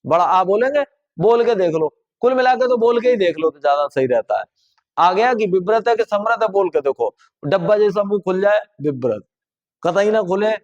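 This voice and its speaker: A man's voice: sits high, dull audio. A man teaching a grammar lesson, explaining step by step in a conversational way and asking listeners to try the sounds aloud. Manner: conversational, repeats and checks with "ठीक". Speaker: Hindi teacher.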